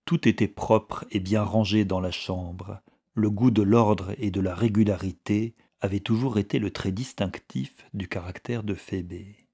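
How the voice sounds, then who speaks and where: A man reading a novel aloud as narrator, in a measured, even storytelling manner. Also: lowish voice, husky.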